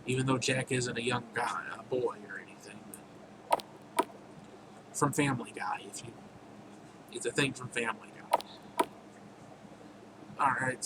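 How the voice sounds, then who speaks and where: A man casually walking through his own game, rambling with jokey asides, over a noisy recording. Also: mid-range voice. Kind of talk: casual gameplay commentary.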